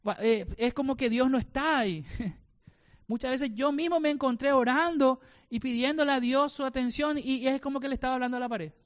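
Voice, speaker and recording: A man's voice: very high voice, clean tone. A male pastor, preaching a sermon with rhetorical questions and acted-out voices.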